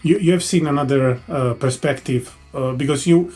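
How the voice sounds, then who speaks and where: A man's voice: medium pitch, mellow, soft background music. A man hosting a podcast interview, speaking in a friendly way that halts and restarts often. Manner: friendly, halting, frequent restarts and fillers. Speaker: podcast host.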